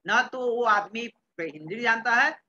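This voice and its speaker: On a dull, lo-fi recording, a Bihari computer science teacher lectures his class in Hindi mixed with English terms. His voice is very high-pitched, bright, forward and animated, and he keeps a measured pace. Questions fly at the students, and he repeats their replies.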